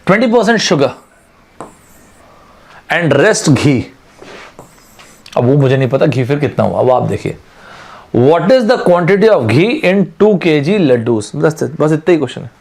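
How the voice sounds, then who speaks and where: Man, online aptitude lecture, fairly high voice, chatty, friendly with students. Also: very animated, takes it slowly, gravelly, pauses often, a little mellow. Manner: chatty, addresses students as friends, mixes English terms into Hindi. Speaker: aptitude teacher. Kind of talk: online exam-prep lecture.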